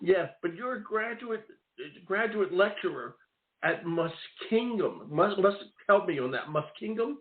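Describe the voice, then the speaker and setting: A man's voice: high voice, animated, a little slow. An older man hosting a radio education talk show, chatting casually and rambling in a loose, friendly way. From Maine. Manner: chatty, rambling, laughs easily. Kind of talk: casual radio interview chat. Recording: tinny phone-line audio.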